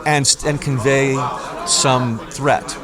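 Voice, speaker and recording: An older male actor talking casually in an interview at a convention, halting and reflective in short phrases. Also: medium pitch, fairly even intonation. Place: busy convention. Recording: busy convention crowd noise. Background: crowd chatter.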